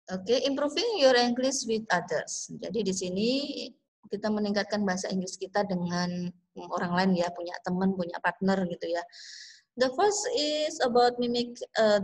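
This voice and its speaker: Woman, Indonesian accent, English teacher, patient, slow explaining, mid pitch. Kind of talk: online class lecture mixing English and Indonesian.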